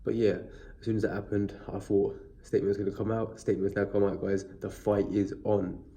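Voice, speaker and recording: This man's voice sits on the low side, mellow and brisk with a flat delivery, and he's clearly got a stuffy, sniffly cold. He's a boxing vlogger rambling casually through a news video, full of fillers and false starts, captured only by a built-in device mic.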